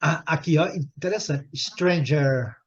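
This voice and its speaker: A middle-aged Brazilian man with a Brazilian Portuguese accent, teaching a group English lesson and repeating English words slowly for his students. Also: a little high, lo-fi sound, a crowd in the background.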